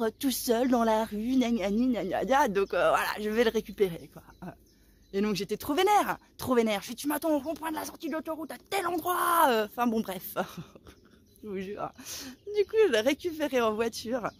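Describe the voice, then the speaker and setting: A woman in her forties telling a story in a casual vlog, animated and dramatic, with a sore throat that keeps her softer than usual. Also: mid-range voice. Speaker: vlogger.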